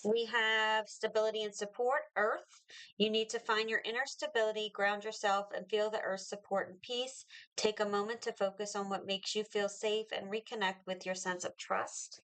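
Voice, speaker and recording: A woman's voice: medium pitch, steady tone, moderate pace, fairly bright tone, smooth, rough recording. A woman reading tarot cards for viewers in a chatty, reassuring way, with many fillers and restarts. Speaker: tarot reader.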